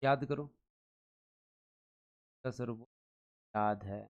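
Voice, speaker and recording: An Indian male teacher runs a live online exam-prep class, quizzing viewers with repeated questions and chanting numbers as drills. His voice is mid-range with drawn-out words, and the audio sounds dull.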